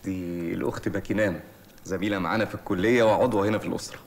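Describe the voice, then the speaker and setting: A sanctimonious young Egyptian preacher. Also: male voice, sits low, rapid-fire. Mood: preachy. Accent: Egyptian Arabic. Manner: preachy, formal phrasing. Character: earnest young male preacher, sanctimonious student leader. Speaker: student group leader. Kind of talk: comic film acting.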